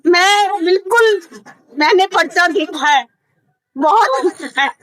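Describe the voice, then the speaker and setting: A middle-aged woman from Rajasthan with a very high voice answers questions in a street interview. She is a devotee and speaks earnestly and with feeling, saying her phrases over and over. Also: expressive, slow pace, fairly bright tone, dry recording, low-quality recording. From Jodhpur, Rajasthan.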